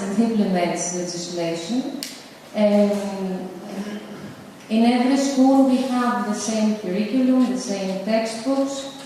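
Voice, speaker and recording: A woman from Greece, speaking at a conference in an unhurried, thoughtful way. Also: mid-range voice, dark tone, slight background noise. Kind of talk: panel statement. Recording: echoey hall from far off.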